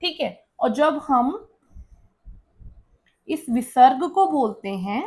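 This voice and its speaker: Woman teacher, high voice, slow careful pace, asks and answers her own questions. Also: lively intonation, darkish tone. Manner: asks students questions and answers them herself. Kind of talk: explaining a school lesson.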